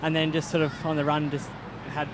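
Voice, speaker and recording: A man's voice: a little high, monotone. Man, exhausted athlete, hesitant, noisy outdoor recording. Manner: halting, hesitant, repeats words. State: exhausted after a race. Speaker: athlete being interviewed.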